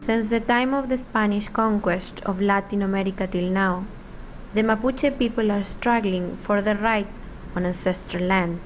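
A woman narrating a documentary voice-over in an even, informative manner. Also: medium pitch, moderate pace, soft background music, rough recording.

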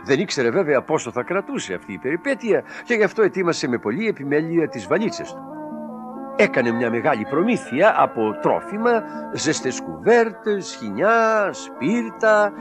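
Lively man reading a children's story. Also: on the high side. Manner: expressive, dramatic storytelling with voiced exclamations. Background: background music.

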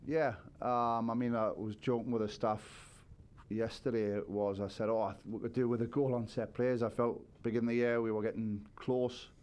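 A man's voice: medium pitch, little pitch movement, moderate pace, darkish tone, clear, resonant tone. A man in his forties, a head coach, giving thoughtful postgame answers at a press conference, seated at a table with a microphone. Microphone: table microphone on a stand.

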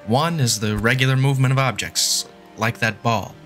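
In a fan audio drama, a male voice actor plays a confident, sardonic mathematician who lectures patiently and with emphasis. His voice is medium-pitched and slightly bright, the delivery is lightly acted at normal speed, and soft music plays behind him.

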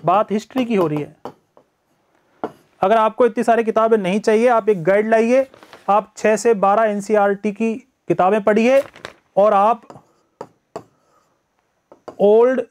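A man's voice: high voice, steady tone, measured pace, long pauses, a little mellow, clear, resonant tone. A man teaching a live online exam-prep lecture, talking in a chatty way, greeting viewers by name and acting out students' excuses. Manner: acts out students' excuses in first person.

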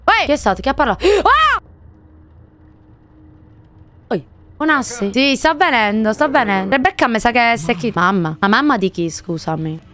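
High-voiced woman streaming a horror game. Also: animated, brisk, fairly bright tone. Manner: jumpy, screams and swears at scares, chatty with chat. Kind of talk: live gaming commentary.

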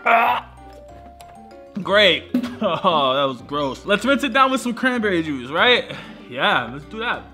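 A man's voice: on the high side, sing-song, unhurried, pushed and bright, faint music behind. A man in his twenties chatting casually to camera, drunk and getting drunker, rambling loosely in slang. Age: 20s. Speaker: video creator. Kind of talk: casual vlog chat. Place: living room at home, later phone clips.

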